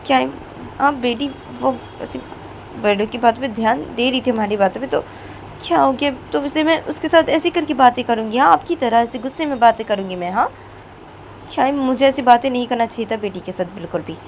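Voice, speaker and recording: A woman voicing a protective mother who pleads and tries to calm others, repeating her requests. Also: fairly high pitch, a little fast, slight background noise, pitched above the performer's own voice, lightly acted. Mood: pleading.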